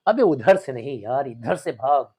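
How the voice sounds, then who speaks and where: A man's voice: mid-range voice, big pitch swings, very fast, no room sound. A man voicing a fussy, anxious middle-aged father who scolds his servant and fawns over guests. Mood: scolding. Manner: flustered, scolding then fawning.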